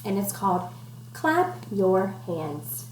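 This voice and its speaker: In a slow, very animated mid-range voice, this female teacher shares a picture book with children at home and keeps them involved through questions and instructions. The home recording has room echo and faint noise behind it.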